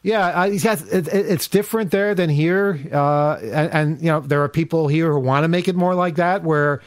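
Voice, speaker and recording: A man hosting a call-in radio show, talking in a halting, easygoing way with many restarts. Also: fairly high pitch, no echo. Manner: halting, lots of fillers and restarts. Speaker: radio host.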